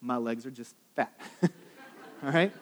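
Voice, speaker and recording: A man's voice: mid-range voice, measured pace, fairly bright tone. A man preaching a sermon to a congregation in a casual, joking way, often checking in with "right?". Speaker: pastor.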